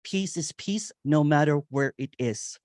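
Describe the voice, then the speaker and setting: A man giving a meditative spiritual reflection on nonduality, repeating phrases and chuckling softly now and then. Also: a little high, unhurried, no room sound, clean studio sound. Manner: meditative, repetitive, with soft chuckles. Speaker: nonduality speaker. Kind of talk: slow spoken spiritual reflection.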